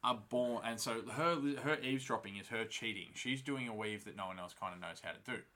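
Bright-voiced man, chatty and full of fillers. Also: lowish voice, a little fast. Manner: full of filler words like "like", "um" and "you know"; animated, slangy and sweary. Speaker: co-host of a fan discussion show. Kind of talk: casual chat recapping a fantasy TV series.

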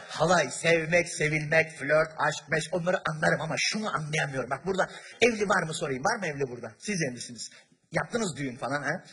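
A man's voice: high-pitched, background noise. A man from Turkey performing stand-up comedy on a large theater stage, telling stories with acted-out voices and chatting with the audience. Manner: animated storyteller, acts out voices, chats with the audience. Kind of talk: stand-up comedy with crowd work.

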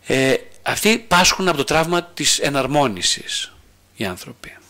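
A man's voice: a little high, very animated, bright, forceful tone. A male psychotherapist giving an explanatory talk on psychology, stopping to ask his own rhetorical questions and answer them, with some hesitant restarts. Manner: hesitant restarts with drawn-out fillers.

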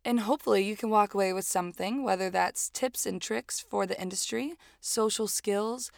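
A woman's voice: medium pitch, normal speed, vocal fry, dry recording, studio quality. A woman co-hosting a podcast from inside a walk-in closet, chatting casually in a wry, self-deprecating way. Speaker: podcast co-host. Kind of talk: casual, bantering chat. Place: walk-in closet in a small apartment.

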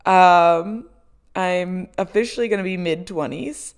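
A young woman in her twenties, hosting a relaxed solo chat. Her fairly low voice has a gravelly fry, and her talk is loose and chatty, full of "um" and "like". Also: unhurried. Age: 20s. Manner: chatty, lots of "um" and "like", laughs often. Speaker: podcast host.

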